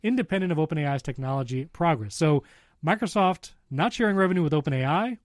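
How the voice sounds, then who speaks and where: A man with a slightly higher voice co-hosts a casual tech podcast, chatting loosely, laughing often, and reading news items aloud. He's expressive and fast. The audio is dry and close, with no echo or room sound.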